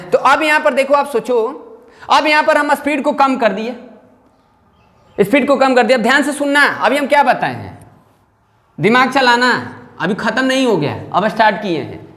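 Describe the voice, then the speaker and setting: A man's voice: very high-pitched, fairly bright tone. Guy teaching maths to a class, keeps checking they follow, echoey classroom with long reverb. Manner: keeps checking if students follow, coaxing questions. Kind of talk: classroom lecture. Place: classroom with students.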